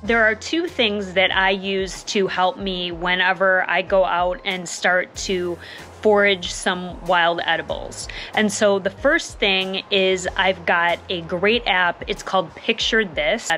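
With soft music in the background, a homesteading vlogger in her thirties speaks slowly to her phone camera at arm's length on an outdoor covered back porch. Her mid-range voice is pushed and bright, steady in tone. Casual and enthusiastic, she chats freely and repeats words for emphasis.

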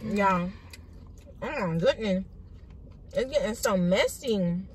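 A young woman vlogging from inside a car, teasing her mother and chewing loudly between words. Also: medium pitch, expressive, slow pace, slightly rough. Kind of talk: casual vlog chat. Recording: noisy car recording.

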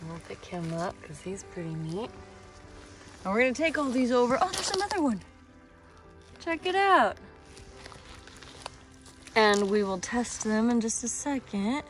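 Outdoors on a pebbly beach, a rock-hunting vlogger in her thirties with an American accent chats in an easygoing, colloquial way for a casual vlog. Her voice is on the high side and sing-song, unhurried with long pauses, and soft background music plays.

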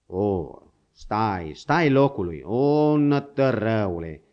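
Man playing a grumbling old hunter, gruff and crafty, swooping lively pitch, dull lo-fi sound. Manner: grumbling, scolding, coaxing.

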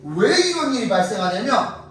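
A man teaching English grammar to a class, drilling students with quick questions and lively explanations. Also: high voice. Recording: echoey classroom from far off, faint noise.

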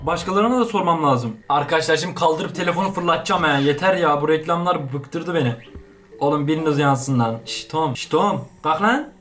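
A young man giving casual, slangy gameplay commentary, excitable and chatting to the characters on screen. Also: on the high side, a little fast, faint music behind. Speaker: gaming YouTuber.

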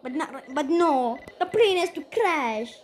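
A high-pitched woman rambles through casual gameplay commentary as her channel's host. She sounds exasperated and keeps addressing her viewers directly. A faint hiss sits under her voice. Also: animated, slow pace.

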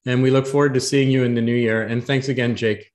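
A man's voice: mid-range voice, steady tone, fast, darkish tone. Rambling male host in an echoey room. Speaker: host, moderator. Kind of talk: closing remarks on a video call.

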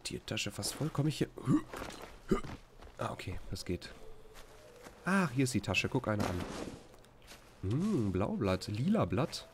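A man's voice: on the low side, very animated, takes it slowly, long pauses, background noise. A man with a German accent giving casual, rambling commentary while playing a video game, often exclaiming at what he sees. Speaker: let's play commentator.

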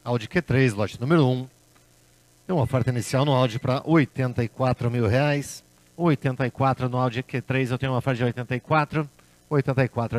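A man calls a car auction as auctioneer, repeating figures in a steady chant. His voice sits at a medium pitch. The sound is dry, with very little room in it. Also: dry recording. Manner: auctioneer's chant, repetitive bid calling. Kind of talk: live car auction calling, repeating bids.

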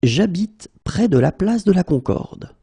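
A man's voice: high voice, very animated, a little slow, mellow, husky, no room sound. A man teaching French phrases, saying each one, then breaking it into single words, then saying it again. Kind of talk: slow phrase drills for learners.

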